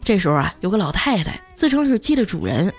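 Woman host spinning funny stories, really animated voice, soft music under it. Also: medium pitch, fast, husky. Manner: chatty, punchline-driven delivery. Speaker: comedy storyteller host. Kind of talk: scripted comedic storytelling.

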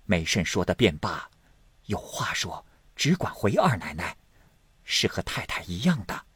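A man voicing a polite, measured middle-aged household servant woman in a storybook reading. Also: sits low, sing-song, fairly bright tone, slightly rough, no echo, heavily acted.

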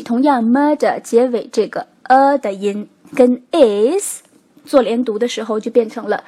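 Breathy woman teaching English pronunciation. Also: on the high side. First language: Chinese. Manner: explains step by step, models English phrases slowly. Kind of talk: spoken English lesson.

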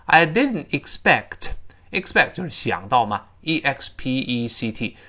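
An English teacher, explaining pronunciation and leading slow repeat-after-me drills. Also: medium pitch, lively intonation, sharp tone. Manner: slow, exaggerated modelling of English phrases between explanations.

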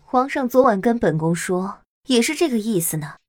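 A woman's voice: fairly high pitch, animated, normal speed, a little mellow, pitched above the performer's own voice. A woman voicing a proud, jealous young imperial consort whose speech sounds thin and strained. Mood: boastful.

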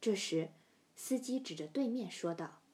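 A middle-aged woman telling a first-person story, sinking to hushed whispers in tense parts. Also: mid-range voice, lively intonation, measured pace. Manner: dropping to hushed whispers in suspense.

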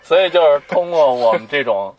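Easygoing man with lively pitch. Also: brisk, crowd noise. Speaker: podcast co-host. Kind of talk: casual chat.

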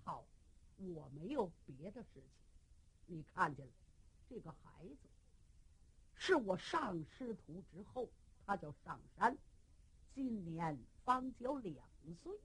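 A woman storyteller voicing a male general, grief-stricken and remorseful, speaking in a low, heavy, pleading voice. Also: big pitch swings, slow, pauses often, a bit bright, husky, heavily acted, poor audio. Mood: grieving, earnest.

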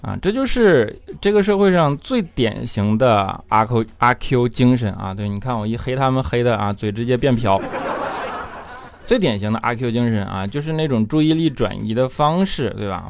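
A man's voice: medium pitch, animated, moderate pace, gravelly, slight background noise. A man hosting his own comedy talk show, teasing and chuckling as he talks. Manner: joking, teasing, chuckles often.

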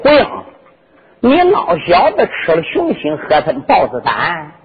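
A man's voice: a little high, huge pitch swings, a little slow, in a large hall, slight background noise, pitched below the performer's own voice. A man putting on an arrogant bullying old minister. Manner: boastful, menacing. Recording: dull lo-fi recording with instrument music.

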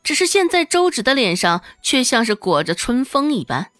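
A woman tells a serialized novel as an audiobook, with a fairly high voice that moves lively up and down. The sound is dry and close. Faint background music plays under her narration. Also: moderate pace, no echo. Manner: lively storytelling, voicing every character.

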